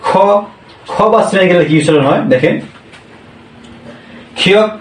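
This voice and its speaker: A man's voice: on the high side, far from the mic. Patient man teaching a language lesson. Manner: slow, repeats each point, asks questions and answers them himself. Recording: roomy, from off the mic.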